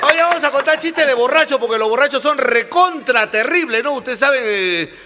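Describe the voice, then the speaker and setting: Guy cracking jokes on radio, laughs at his own stuff, high bright voice, echoey. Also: expressive, normal speed, slight background noise. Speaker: radio comedian. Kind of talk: joke telling.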